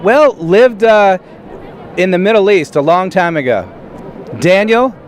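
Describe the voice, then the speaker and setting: A man with a fairly high voice hosts a street interview show and stops passers-by with the same simple questions. He speaks plainly and hesitantly, filling gaps with "uh" and restarting his sentences. A light hum of traffic and city noise sits behind him. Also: expressive, a little slow, a faint crowd. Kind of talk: street interviews and direct-to-camera intro.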